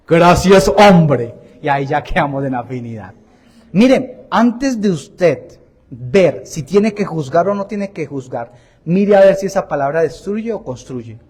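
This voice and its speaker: A man's voice: on the high side, sing-song, measured pace, dark tone, husky. A man preaching a Sunday homily in a church, emphatic and repetitive, asking the congregation direct questions and joking about himself. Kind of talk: Sunday sermon.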